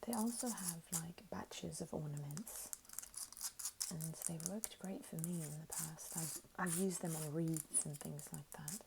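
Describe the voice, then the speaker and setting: A woman speaking softly in a casual ASMR style, describing objects in a hushed voice that often slips toward a whisper. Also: low-pitched, a little slow, creaky. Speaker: ASMR video creator. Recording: very noisy close recording with crinkling and clicks. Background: tapping, clicking, crinkling and rattling of handled objects.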